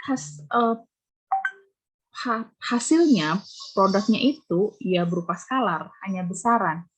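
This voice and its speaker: A woman's voice: medium pitch, slightly rough, low-quality recording. A woman lecturer teaching math in an online class, questioning and prodding her students. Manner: questions students, coaxing and scolding. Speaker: university lecturer. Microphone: video call.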